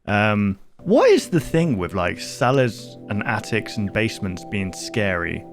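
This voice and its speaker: A man's voice: lowish voice, big pitch swings, unhurried, over music. A man hosting a horror reaction video with casual, chatty, rambling commentary that often interrupts itself.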